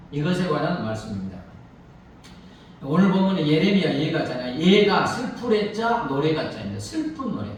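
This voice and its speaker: Lively high-voiced pastor in echoey church. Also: male voice, slight background noise. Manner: storytelling, rhetorical questions to the congregation. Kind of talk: sermon. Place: church sanctuary. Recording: echoey hall, mic from far off.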